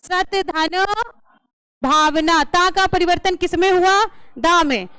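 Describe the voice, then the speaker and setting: A woman's voice: very high-pitched, pushed and bright, no echo. A woman teacher taking a class through a grammar lesson, asking questions and repeating the answers. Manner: slow, drilling questions and answers.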